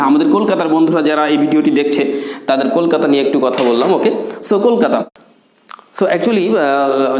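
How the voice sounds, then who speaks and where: A man's voice: fairly high pitch, a little mellow. A man teaching a spoken English lesson, patiently explaining and repeating words, slipping English phrases into his talk. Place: classroom with board and chair. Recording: echoey room.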